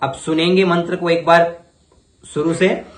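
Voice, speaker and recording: The sound is roomy as a man with a slightly high voice and flat delivery teaches Vedic ritual. Syllable by syllable, he slowly chants mantras for his students to echo, then switches to fast, everyday talk to explain them.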